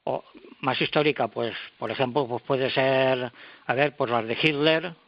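A man's voice: medium pitch, unhurried, no echo, muffled recording. An older man, answering interview questions in a hesitant way, often repeating words and restarting. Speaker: radio collector guest.

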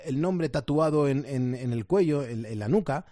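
A man hosting a radio phone-in from the studio, speaking in a gently encouraging, sympathetic way. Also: mid-range voice, lively intonation, moderate pace, dry recording. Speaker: radio host. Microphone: studio mic.

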